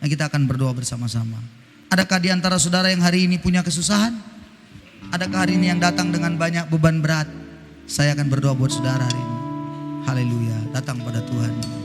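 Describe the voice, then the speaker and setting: Male pastor, high voice, animated sermon, church reverb. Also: fast, loud music behind the voice. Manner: animated, teasing, sings snatches of hymns.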